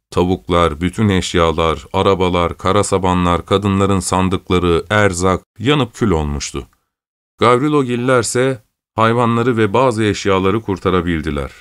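A man reads a story aloud with a fairly low voice. His delivery is steady and unhurried, as in an audiobook narration. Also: clean tone.

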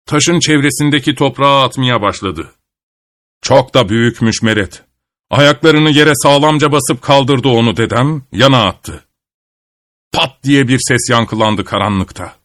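A man narrating a folk tale aloud in a steady storytelling manner. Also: medium pitch, unhurried, no echo, clean studio sound.

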